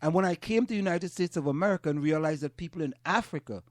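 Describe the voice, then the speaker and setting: A man from Trinidad hosting a casual talk show, an animated storyteller who acts out what others say into a studio microphone. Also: fairly high pitch, quick pace, no echo. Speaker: host.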